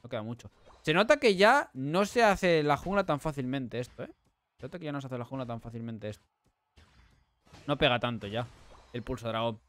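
A man with an accent from Spain giving live gameplay commentary, excitable and repeating himself, breaking into shouts. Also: mid-range voice, no room sound. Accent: Spain Spanish. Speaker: gaming streamer.

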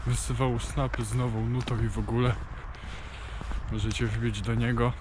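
A young man gives a casual, rambling, slangy and sweary vlog talk while walking outdoors, his halting voice slightly muffled by a mask. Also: mid-range voice, little pitch movement. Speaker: vlogger. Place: outdoors walking at night along streets. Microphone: action camera on a stick. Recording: clearly noisy outdoor action-camera audio.

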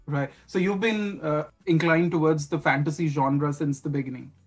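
A man's voice: on the high side, steady tone, normal speed, breathy edge, rough recording. Male podcast host, hesitant questioner full of fillers, with faint music behind. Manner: hesitant, many fillers and repeats. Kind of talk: podcast interview.

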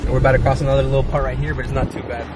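A relaxed man chats to his viewers as he drives, mid-pitched and easygoing. His voice sits under heavy engine and road rumble from the car he's riding in. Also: very fast, far from the mic. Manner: laid-back, talks straight to viewers as "guys". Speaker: travel vlogger. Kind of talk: casual travel vlog narration. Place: inside a car driving rough roads. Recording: loud car and road noise.

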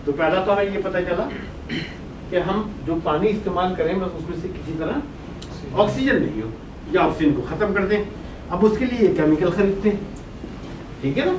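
An expressive, high-sitting male voice at normal speed, pausing often, belongs to an older Pakistani Urdu-accented professor giving a boiler chemistry lecture. Masked and writing on a whiteboard, he quizzes the class and responds to his own questions. A far-off room mic captures the echo and noise of an indoor brick-walled meeting room.

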